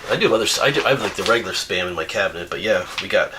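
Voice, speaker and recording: An animated, fairly low-pitched man races through his words in a very noisy camera-mic recording. He's an outdoors YouTuber opening viewer mail at home, sniffly from a cold, chatting casually, rambling and laughing often.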